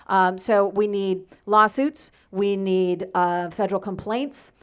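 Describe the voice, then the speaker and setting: Brisk, lecturing woman panelist. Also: medium pitch, fairly even intonation, clear, resonant tone. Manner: brisk, lecturing, cites research and dates. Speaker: panelist, academic. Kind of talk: panel discussion. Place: event panel before an audience.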